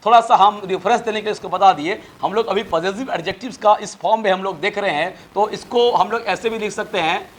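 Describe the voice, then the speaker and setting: A man with a fairly high voice and an Indian accent teaching an English lesson. He spells out each word letter by letter and stretches his English example sentences slowly. He presses his students to learn the material by heart. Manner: lecturing, exhorting students to memorize. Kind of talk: spoken English lesson in Hindi.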